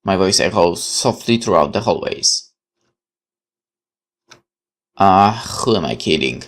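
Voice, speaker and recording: Low-pitched and expressive, a man talks at a moderate pace while playing a game for an audience. This let's player voices the visual novel narration like a dramatic storyteller and muses on what he reads.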